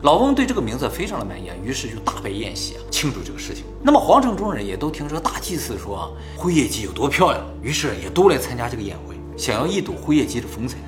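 Brisk, lively male storyteller over soft music. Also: mid-range voice. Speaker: host and storyteller. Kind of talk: casual storytelling narration, like telling an old tale by the fire.

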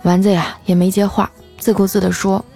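A woman's voice: medium pitch, little pitch movement, fairly quick, creaky, warm tone, breathy edge, faint music behind. A woman host telling a comic story in a wry, chatty, colloquial way.

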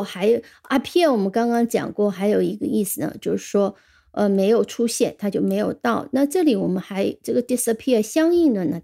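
A woman teaching English vocabulary in a radio lesson, reading example sentences slowly and then explaining them in a relaxed, chatty way. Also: on the high side, gravelly. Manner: ends phrases with the filler "啊".

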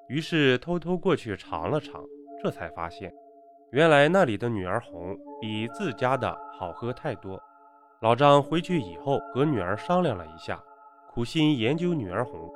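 A man tells a horror story with a lively pitch that keeps rising and falling, building suspense as he goes. His voice is low and steady in pitch overall. Faint music runs quietly underneath. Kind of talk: spoken horror story narration.

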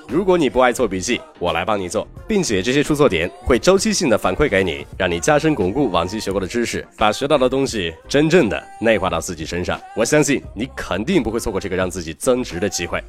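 Young male pronunciation coach, animated delivery, faint music bed. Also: on the low side. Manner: explains Chinese, models English phrases slowly. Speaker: English pronunciation teacher. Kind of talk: online pronunciation lesson.

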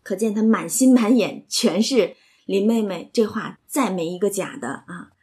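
A woman hosting a podcast, explaining a classic novel in a lively conversational way, often asking listeners to agree. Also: mid-range voice, moderate pace, husky. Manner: lively, asks listeners "right?". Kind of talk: conversational literary commentary.

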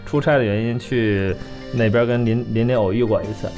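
A man's voice: mid-range voice, fairly even intonation, a little fast. A man from China with a Beijing accent, chatting casually as a guest and telling family stories in a colloquial, joking way. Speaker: guest, father sharing family travel stories. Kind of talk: casual conversational storytelling. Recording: music behind the talk.

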